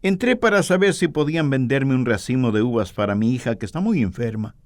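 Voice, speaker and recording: A man's voice: medium pitch, lively intonation, brisk, dry recording, studio quality, natural voice. A timid, pleading poor mother, as a man acts her out.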